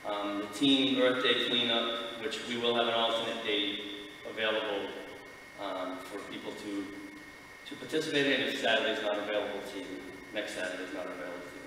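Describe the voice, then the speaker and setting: A middle-aged man delivering a sermon from notes like a vicar, with measured, emphatic phrasing in a large church. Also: lowish voice, steady tone, sharp tone. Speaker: lay speaker giving a church sermon. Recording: echoey church hall, distant mic, background noise.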